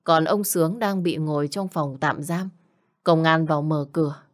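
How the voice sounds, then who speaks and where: A woman narrates a dramatic story. Her voice is deep and warm, and her reading is measured. She sits low in her range. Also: steady tone. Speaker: audiobook narrator.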